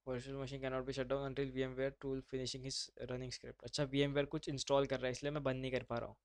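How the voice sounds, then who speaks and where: A man's voice: mid-range voice, flat delivery, moderate pace, smooth, dry recording. Casual man teaching a live online class. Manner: informal, chatty, calls students brother. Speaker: instructor.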